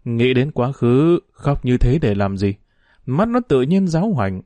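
A man's voice: mid-range voice, no room sound. Man reading a story, dry close sound. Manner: steady, measured storytelling. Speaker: narrator. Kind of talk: audiobook reading.

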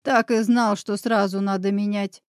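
A woman voicing a shy, apologetic young male neighbor in an audiobook, soft-spoken and embarrassed. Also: mid-range voice, fairly even intonation, normal speed, no echo, clean studio sound, lightly acted. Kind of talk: audiobook character voice.

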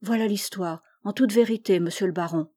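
A woman's voice: medium pitch, brisk, dark tone, no room sound, lightly acted. A woman reading aloud, voicing a humble, apologetic older vagrant man who talks earnestly and deferentially. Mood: humble pleading.

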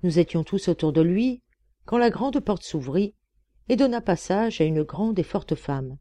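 A woman reading an audiobook in steady, measured narration. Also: on the low side, dry recording. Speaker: audiobook reader. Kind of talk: scripted narration.

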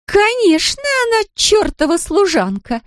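A drunk, jealous woman, shrieking in a very high, wavering voice. She slurs her words and swings wildly up and down. The voice has a slightly different tone from the narrator's own and sounds close and dry. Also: sing-song, a little slow, no echo, exaggerated voice. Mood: drunken shrill. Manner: slurred, shrill, screaming.

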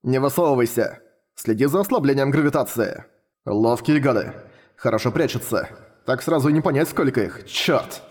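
A man's voice: medium pitch, lively intonation, normal speed, lightly acted. A man voicing a brash, protective young adventurer in an audiobook. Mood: urgent. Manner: loud, exasperated.

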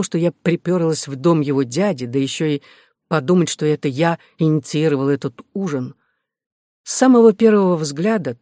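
A man's voice: fairly high pitch, mellow, no room sound, studio quality. Man narrating an audiobook. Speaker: audiobook reader. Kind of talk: first-person audiobook narration.

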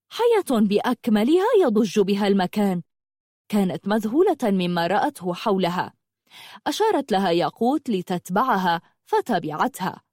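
Animated woman reading a story aloud. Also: medium pitch, no echo, clean studio sound. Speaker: narrator. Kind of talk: storybook narration.

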